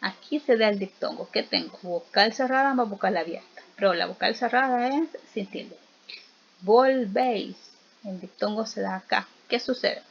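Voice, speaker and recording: A woman teacher giving a recorded spelling lesson, slow and patient, spelling out vowels and examples aloud and asking the listener to repeat after her. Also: mid-range voice, vocal fry, breathy edge, lo-fi sound.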